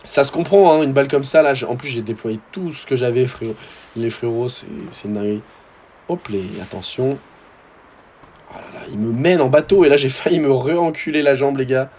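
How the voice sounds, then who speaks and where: Young man, French accent, casual slangy commentary, animated, speaks directly to viewers. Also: medium pitch, normal speed. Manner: lively, slangy, talks straight to viewers. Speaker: tennis vlogger commenting his match.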